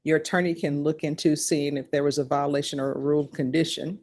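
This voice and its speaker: A woman judge presiding in a courtroom, running through formal legal admonishments in a brisk, practiced way. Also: low voice, flat delivery, a little mellow. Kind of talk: courtroom proceedings.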